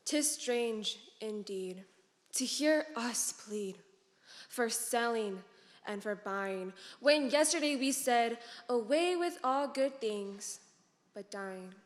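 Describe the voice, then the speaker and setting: A young woman in her late teens reciting a poem with measured, deliberate phrasing. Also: fairly high pitch, lively intonation. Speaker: student reciter. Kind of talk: formal poetry recitation. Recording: long hall reverb, distant.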